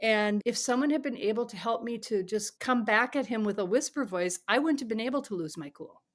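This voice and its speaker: As a guest on a podcast, a middle-aged parent coach offers advice in an earnest manner, occasionally lowering to a soft whisper as a demonstration. She speaks a little high and fairly quickly.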